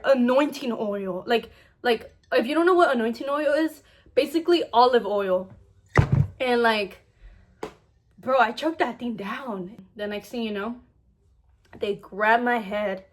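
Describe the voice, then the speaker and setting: A young adult woman records a casual storytime vlog in an unhurried, high-leaning voice, with slight background noise. She animatedly retells events, acts out what other people said, and says "like" constantly.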